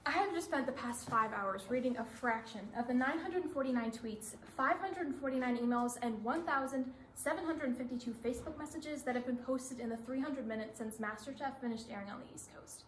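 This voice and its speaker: In a readers theatre piece, a woman performs with rehearsed, theatrical delivery in a high voice, brisk and nearly pause-free, only lightly acted. The roomy stage recording has background hiss.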